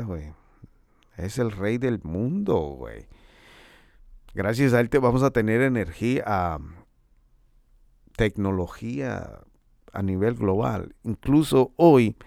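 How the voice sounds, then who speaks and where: A man's voice: on the low side, a little mellow, no echo, clean studio sound. A man delivering a casual, profane monologue. He talks in slang, swears freely, jokes and boasts, and laughs often. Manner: boastful and joking.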